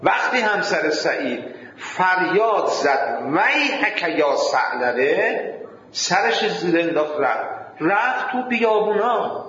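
A man with a high voice preaches a sermon and tells its stories along the way. He lingers on key words and stretches them out, and he recites Arabic verses. His voice booms with heavy echo through a large hall, and the sound is muffled. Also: very animated, sharp tone, a little hiss or hum. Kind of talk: sermon with storytelling.

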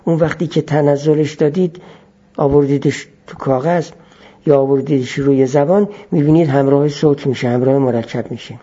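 A male teacher lecturing on philosophy at a measured pace, returning to his key phrases to make them stick. His voice is dark and mellow, a little higher than usual. The lo-fi recording sounds muffled. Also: fairly even intonation. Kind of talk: explanatory classroom lecture.

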